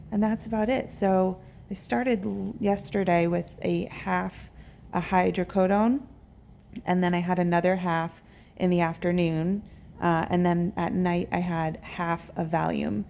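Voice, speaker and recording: A woman giving a casual vlog update, talking haltingly and pausing to search for words. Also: on the low side, steady tone, gravelly, warm tone. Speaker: patient recording a recovery vlog. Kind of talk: casual update talk to camera. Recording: faint background room noise.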